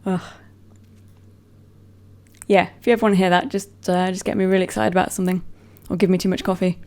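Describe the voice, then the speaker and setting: A woman's voice: fairly low pitch, level tone, rapid-fire, darkish tone. A woman with a neutral British accent chatting casually to camera, rambling and self-mocking, trailing off with fillers. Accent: neutral British English. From England. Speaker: vlogger.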